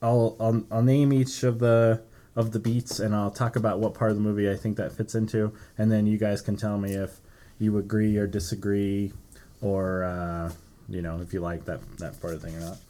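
Jokey podcast host, mellow dark voice. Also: male voice, fairly low pitch, little pitch movement, moderate pace. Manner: loose and jokey, swears freely. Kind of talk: casual chat.

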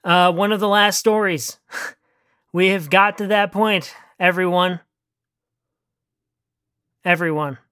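Dry deadpan storyteller. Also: medium pitch, takes it slowly, pauses often, smooth, dry recording. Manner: dry deadpan narration, chatty and giggly when talking afterward. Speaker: author and narrator. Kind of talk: storybook reading, then casual afterword.

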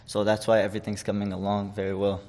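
Young fighter from Chechnya, lower-pitched man, casual interview talk, some hall reverb. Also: completely flat delivery, fast talker, darkish tone, slight background noise. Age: 20s. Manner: loose, rambling, many fillers and restarts. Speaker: guest, amateur fighter.

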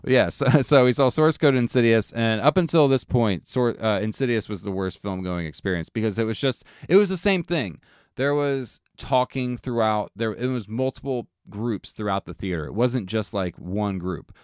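Brief: young adult male co-host, low smooth voice, dry close sound, rambling animated anecdotes. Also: normal speed, dry recording. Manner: animated storytelling, swearing, many fillers. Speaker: podcast co-host. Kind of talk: casual chat.

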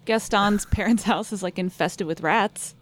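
A woman's voice: mid-range voice, unhurried, very noisy. A woman contestant making wry, teasing remarks during a quiz game. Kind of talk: casual chat. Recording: loud crowd behind her.

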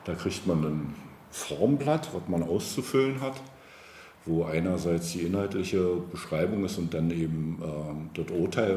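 A man in his forties from Brandenburg in East Germany, a local politician, answers interview questions in a reflective, winding and somewhat hesitant way. His voice sits low and sounds warm, recorded with a roomy echo and faint background noise.

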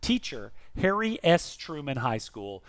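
His voice is a little high, swings widely in pitch, and keeps a measured pace, with no echo in the sound. The man co-hosts a podcast, reading listener mail and chatting in a lively, casual way that's theatrical, emphatic, and jokey.

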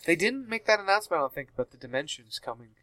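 A man's voice: fairly high pitch, big pitch swings, rapid-fire, pushed and bright, dry recording. Chatty man in a dry recording. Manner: chatty, laughs often, lots of "like". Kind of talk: casual gaming chat.

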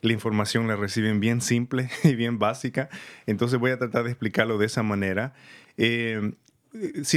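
Man from El Salvador, low voice, friendly loan officer guest, breaks things down simply. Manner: friendly, laughs easily, plain step-by-step explanations. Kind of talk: interview, explaining.

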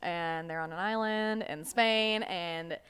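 A woman's voice: on the low side, slow, fairly bright tone, clean tone. A woman co-hosting a podcast in easygoing casual chat, explaining things at length with many "like" and "um" fillers. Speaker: podcast co-host.

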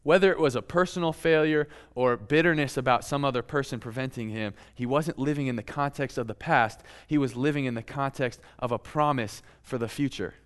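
A man preaching a sermon in a relaxed, conversational way, with playful asides to his congregation. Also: mid-range voice, brisk, few pauses, clear, resonant tone. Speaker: pastor.

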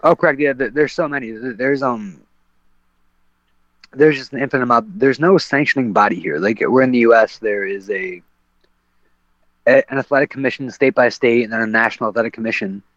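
With a mid-range, slightly bright voice, a pro MMA fighter talks fairly quickly while telling a podcast story as a guest. It's casual and meandering, with lots of fillers and restarts, recorded dry and dull in lo-fi with no echo.

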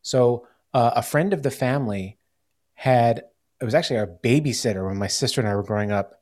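A man's voice: mid-range voice, brisk, darkish tone. An American man hosting a podcast in casual chat, rambling with many fillers and restarts. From United States. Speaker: podcast host.

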